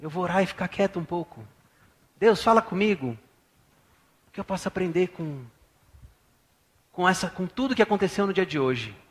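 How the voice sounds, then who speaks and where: A pastor in his thirties from Brazil preaching a sermon in a church, swinging from hushed talk to loud bursts. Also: high voice, animated, a little fast.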